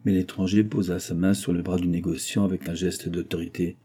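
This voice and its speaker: A man narrating an audiobook in a steady, measured reading. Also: low-pitched, slightly rough.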